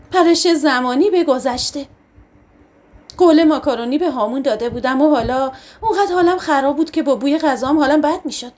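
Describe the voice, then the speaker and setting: Woman, audiobook narrator, first-person novel, emotional, expressive, high voice.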